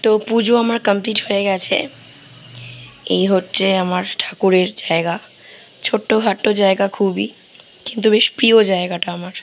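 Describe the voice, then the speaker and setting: A hoarse woman, chatting through her day at home as she cooks. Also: mid-range voice, a little hiss or hum, poor audio. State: hoarse, straining to speak. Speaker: vlogger. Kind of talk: casual daily vlog narration. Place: home kitchen.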